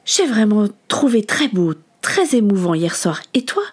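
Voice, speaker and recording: A woman doing a gentle caring aunt. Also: medium pitch, very animated, measured pace. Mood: tender.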